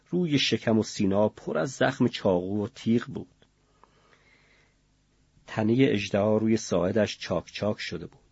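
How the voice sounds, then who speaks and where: A man reading a novel as an audiobook narrator, in a measured, grave delivery. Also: lowish voice, darkish tone, slightly rough, no room sound, highs cut off.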